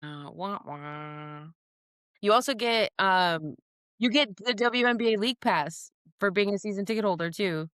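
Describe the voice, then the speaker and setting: A woman's voice: mid-range voice, moderate pace, a bit bright, dry recording, clean studio sound. A woman co-hosting a casual sports podcast, teasing and helpful, often laughing. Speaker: podcast co-host. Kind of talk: casual chat.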